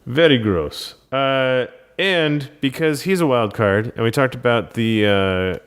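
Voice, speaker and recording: A man co-hosting a podcast, chatting casually and analytically about a tabletop game, with frequent "uh" pauses. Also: mid-range voice, clean tone. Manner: enthusiastic, analytical, many "uh" pauses. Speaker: podcast co-host.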